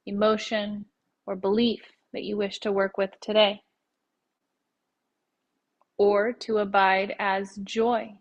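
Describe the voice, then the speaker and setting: In lo-fi sound, a woman with a mid-range voice leads a guided yoga nidra session. She speaks in short phrases separated by long pauses, keeping a gentle, soothing, measured manner.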